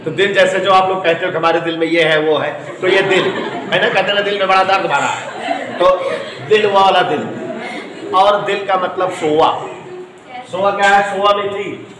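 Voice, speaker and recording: A man gives a classroom lecture, spelling words aloud and checking in with his students again and again. His voice sits fairly high for a man. The room is echoey, with faint noise in the background. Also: steady tone, moderate pace. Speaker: physics teacher.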